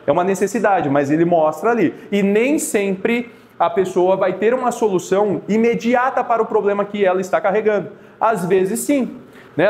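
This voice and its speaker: A man, teaching a class of therapists in a lively, conversational way and often restarting his sentences. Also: high-pitched. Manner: conversational, lively, with many restarts and acted quotes. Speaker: therapy instructor. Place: classroom with students.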